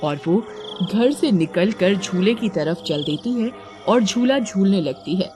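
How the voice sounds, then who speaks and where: A woman's voice: medium pitch, animated, a little slow, loud music behind the voice. A woman narrator reading a scripted story.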